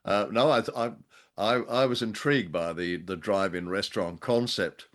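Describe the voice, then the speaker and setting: An Australian man from Perth, Western Australia, co-hosts a podcast reviewing radio drama in a conversational style. He talks in a wordy, wry way, his voice on the low side and fairly bright, at normal speed.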